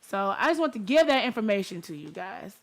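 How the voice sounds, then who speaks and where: A woman's voice: mid-range voice, very animated, brisk. A woman with a Detroit accent hosting a talk show in an informal, conversational way, speaking straight to her listeners. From Detroit, United States. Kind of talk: casual talk show chat.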